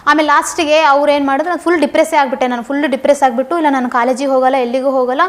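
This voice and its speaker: A young woman recounts her life story in an interview. Her voice sits high and her words come quickly. She talks earnestly and circles back over phrases for emphasis. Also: fairly even intonation. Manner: fast, earnest storytelling with repetitions. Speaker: guest giving a testimony. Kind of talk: personal testimony interview.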